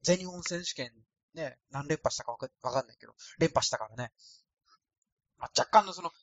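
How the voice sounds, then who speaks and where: A man's voice: fairly high pitch, a little fast, a bit bright, a little hiss or hum. A man from Osaka rambling casually through a solo podcast, with a thin, light voice and a self-deprecating manner. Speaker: podcast host. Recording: dry, no added echo.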